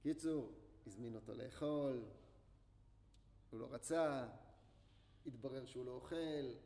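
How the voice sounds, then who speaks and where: Recorded in an echoey hall with some faint noise, this Torah class lecture comes from a man whose medium-pitched voice is mellow, with vocal fry. He tells the group a story and puts questions to his listeners.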